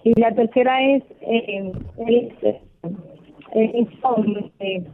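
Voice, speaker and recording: A woman's voice: fairly high pitch, fairly even intonation, slow pace. A woman from the Republic, calling in over a crackly, breaking-up phone line to ask a doctor about her health. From Dominican Republic. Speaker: caller. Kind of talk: call-in question to a doctor. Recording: tinny, choppy telephone line.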